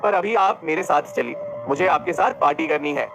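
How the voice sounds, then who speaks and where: A man's voice: a little high, brisk, vocal fry, lo-fi sound, over music. A man doing a sly confident young woman. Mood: triumphant.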